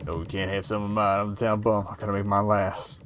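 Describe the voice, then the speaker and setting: A man's voice: on the low side, monotone, fast talker, fairly bright tone, a little hiss or hum, close to an everyday voice. A man voicing a grizzled, wheedling town drunk in a Western game, with folksy, rambling talk.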